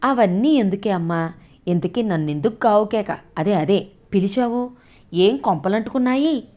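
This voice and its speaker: A woman's voice: medium pitch, lively intonation, moderate pace, a little mellow, lightly acted. A woman voicing an impatient, irritated middle-aged son in a read-aloud story. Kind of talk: storytelling with character voices.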